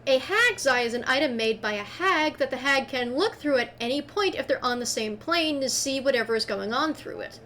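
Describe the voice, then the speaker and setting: A woman running a tabletop game as game master, narrating scenes in an animated, descriptive way. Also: high-pitched, normal speed, few pauses, slight background noise.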